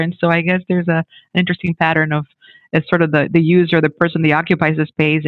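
Lively man from the Dominican Republic on a phone-like line. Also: a little high, no echo. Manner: animated, many restarts and fillers. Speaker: guest, technology executive. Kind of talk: conversational interview.

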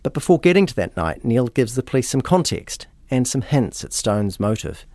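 A man, hosting and narrating a true-crime story in a measured, matter-of-fact way. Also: medium pitch, very animated, darkish tone, dry recording. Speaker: podcast host.

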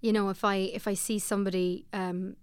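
A woman with a west of Ireland accent talks casually as a guest in conversation. Her voice is clear and resonant at a middle pitch, with an informal storyteller's way of talking. The sound is very dry. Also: flat delivery, a little fast, no echo. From Sligo, west of Ireland. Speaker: interview guest, actress. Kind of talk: casual chat.

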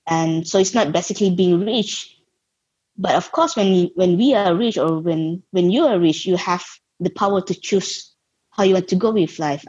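Thoughtful in conversation, a young Malaysian-accented woman who founded a social enterprise pauses to search for words as she fields interview questions. She has a lowish, slightly mellow voice with a breathy edge, recorded without room sound in a dull lo-fi quality.

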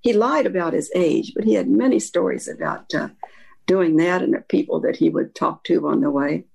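Creaky older woman, slight Kentucky accent. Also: fairly low pitch, moderate pace, darkish tone. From Kentucky, Appalachia. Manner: reflective, rambling storytelling. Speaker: interview guest, author and academic. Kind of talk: conversational anecdotes in an interview.

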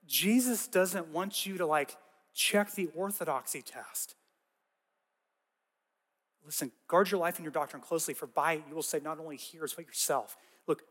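Higher-voiced man preaching in a reverberant hall. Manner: casual, animated storytelling with frequent "like" asides. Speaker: pastor. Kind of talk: conversational sermon.

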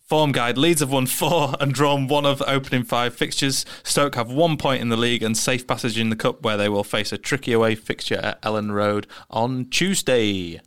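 A man in his thirties with a clean, smooth voice giving a casual football preview on a podcast. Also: mid-range voice, fairly even intonation, moderate pace, hardly any pauses, fairly bright tone. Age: 30s. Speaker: podcast co-host.

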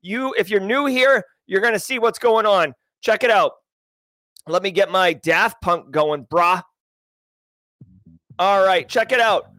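A man hosting a daily livestream, talking casually and energetically to his chat with slang and shout-outs. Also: high-pitched, measured pace, pauses often, no echo. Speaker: host.

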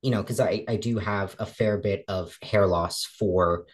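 Speaking unhurriedly, a woman in her twenties with a rather low voice is a casual interview guest. When quoting others she acts their remarks out, and her speech is peppered with fillers and restarts.

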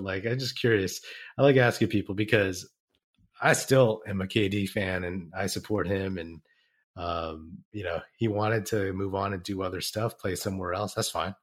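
A man's voice: fairly low pitch, normal speed. A man from the San Francisco Bay Area, hosting a casual sports podcast and chatting loosely with plenty of fillers. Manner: conversational, leans on fillers like "like" and "man". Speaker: podcast host.

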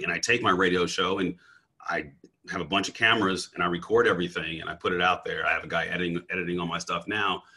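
This deep-voiced man, interviewed about coaching and public speaking, sounds pushed, bright and slightly rough. He's casual and full of energy, stammers and restarts frequently, and uses slang like "bro."

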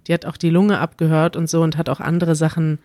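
A woman's voice: sits low, flat delivery, fast, darkish tone, no echo. Woman cohost chatting casually on a podcast, laughs a lot, dead dry close mic. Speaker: podcast co-host. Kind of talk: casual chat.

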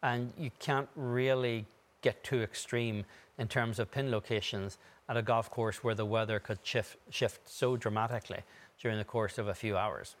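A man's voice: mid-range voice, steady tone, moderate pace. A man speaking as a golf analyst, giving analytical commentary on the broadcast.

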